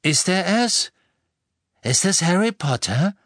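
A man's voice: a little high, unhurried, fairly bright tone, no echo, studio quality, pitched above the performer's own voice. A man doing an eager aristocratic wizard. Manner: eager, urgent, impatient.

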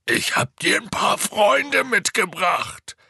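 A man voicing a huge, clumsy half-giant man who calls out loudly and strains his voice to coax and scold, in an audiobook. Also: sits low, a little slow, vocal fry, breathy edge, no room sound, studio quality, voice pushed down, heavily acted. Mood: calling, coaxing. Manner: loud, strained calling out, pleading and scolding.

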